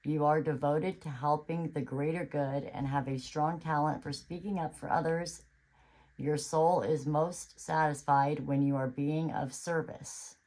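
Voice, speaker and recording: A woman's voice: low-pitched, steady tone, unhurried, darkish tone, poor audio. A woman giving a casual tarot reading on her channel, chatty and reassuring, thinking aloud as she goes. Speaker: tarot reader.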